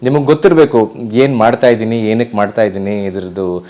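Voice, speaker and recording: A man's voice: lowish voice, fairly even intonation, fast, dark tone. A man from Karnataka, a professional DJ, talking earnestly and emphatically in a casual interview, often urging listeners. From Karnataka, India. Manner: earnest, emphatic, repeats pleas.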